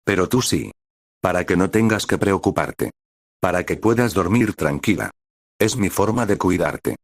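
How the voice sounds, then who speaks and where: A man reading the lines of an earnest, devoted teenage boy hero in an even, unchanged voice. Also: low-pitched, normal speed, dry recording. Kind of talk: scripted fanfic reading.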